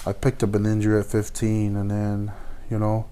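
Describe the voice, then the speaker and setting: Halting young man, low voice. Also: completely flat delivery, mellow, clear, resonant tone. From Samoa. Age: 20s. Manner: halting, many fillers and restarts. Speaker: guest, pro boxer. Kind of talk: casual interview.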